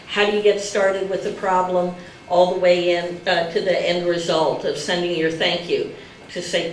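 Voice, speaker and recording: A woman talking as a grant program officer on a conference panel, conversational with many fillers and restarts. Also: lowish voice. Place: conference room. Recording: echoey hall, distant mic, faint noise.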